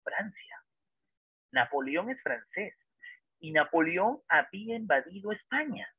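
Dramatic male history teacher, raised pitch, husky tone, questions the class as he tells the story. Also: big pitch swings, measured pace, no echo. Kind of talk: lively classroom lecture. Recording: dry, tinny phone-like sound.

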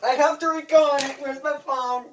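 A woman's voice: high-pitched, fairly even intonation, moderate pace. A female voice improvising casually in a home toy-play skit. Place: small room indoors at home. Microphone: handheld camera or phone. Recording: faint noise, clicks, handheld home camera.

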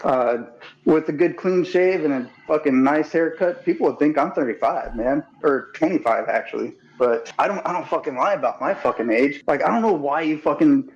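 Late-thirties male guest, slightly higher voice, coarse and blunt, lo-fi call sound. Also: lively intonation, normal speed. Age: late 30s. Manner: blunt, heavy swearing, stammering restarts. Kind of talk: casual call interview.

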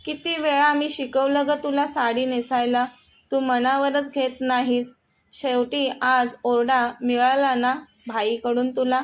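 A woman's voice: high voice, little pitch movement. A woman voicing a young sister-in-law who scolds firmly but with care. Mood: scolding. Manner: scolding, brisk and firm.

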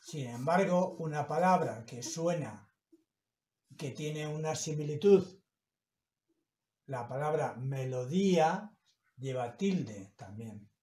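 Slow-talking teacher man, echoey room. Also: on the high side, expressive, darkish tone. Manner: slow, explanatory, stretching example words. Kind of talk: spoken grammar lesson.

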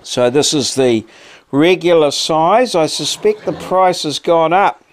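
A middle-aged New Zealand man talks to camera in a slightly high voice. His delivery is slow and halting, with a laconic, blokey turn of phrase, like casual chat over a meal. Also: animated. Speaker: vlog host. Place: small cluttered home office, indoors.

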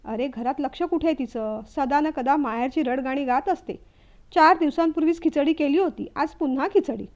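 Bossy mother-in-law, shrill and nagging, voiced by a woman storyteller; high, lo-fi read. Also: moderate pace, darkish tone. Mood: angry. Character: scolding middle-aged mother-in-law.

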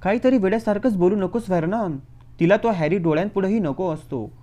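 A man reading an audiobook who voices a snappish middle-aged aunt in a higher, louder, scolding tone. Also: brisk, close to an everyday voice. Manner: scolding, exasperated.

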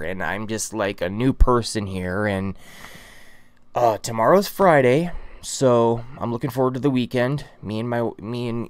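Rambling chatty man, smooth low voice. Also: no echo. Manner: chatty, rambling, many fillers and restarts. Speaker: vlogger. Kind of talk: rambling casual vlog.

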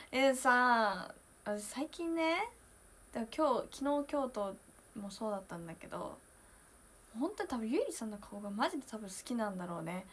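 A young woman in her twenties, chatting casually on a solo livestream, emotional and talkative, moving from loud bursts to hushed asides. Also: mid-range voice, lively intonation, fast, a little hiss or hum. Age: 20s. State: near tears at times. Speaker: idol streamer.

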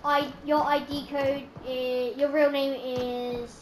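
A woman doing a rambling male skull trooper agent, high voice, hesitant restarts, improvised fan role-play, noisy home recording. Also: level tone, slow.

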